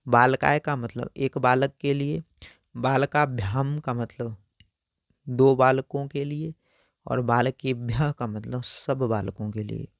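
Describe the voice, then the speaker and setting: A man teaching a Sanskrit grammar lesson, reciting word forms carefully and in a measured way. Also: medium pitch, fairly even intonation, vocal fry, dry recording, studio quality. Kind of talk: slow spoken grammar lesson.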